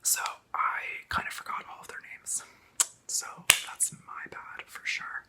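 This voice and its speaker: A woman whispering a casual, unscripted ASMR show and tell in a rambling, chatty way. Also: a little slow. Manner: whispering throughout. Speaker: ASMR video host.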